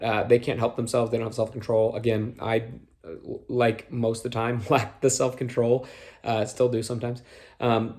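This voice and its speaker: Young man, mid-pitched, casual instructional tone, Minnesota-born, slight Minnesota accent on a few words, filler-heavy. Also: darkish tone. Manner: conversational, many fillers, acts out quotes. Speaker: youth small group leader trainer.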